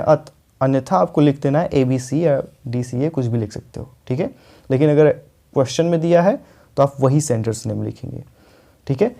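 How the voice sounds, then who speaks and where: A man's voice: fairly high pitch, vocal fry, mellow. A young man with an Indian accent teaching a spoken English lesson, explaining step by step and often checking with "ठीक है".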